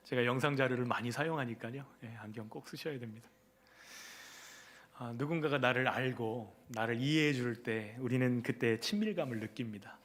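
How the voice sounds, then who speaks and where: A man's voice: medium pitch, normal speed, a bit bright. A male pastor giving a Sunday sermon in a church, talking conversationally and putting questions to the congregation. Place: church sanctuary.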